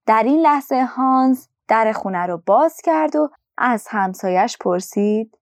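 A woman storyteller from Iran reading a children's story aloud in a lively, expressive way. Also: on the high side.

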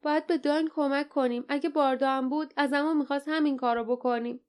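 A woman doing a hoarse, weak young girl. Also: high-pitched, steady tone, darkish tone, pitched above the performer's own voice, lightly acted. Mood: determined. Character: hurt, determined young girl.

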